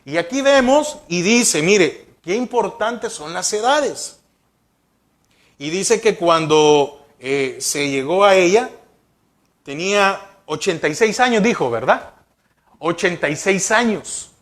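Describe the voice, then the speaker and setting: A man's voice: high-pitched, expressive, takes it slowly, a bit bright. A male pastor preaching a sermon, asking the congregation rhetorical questions.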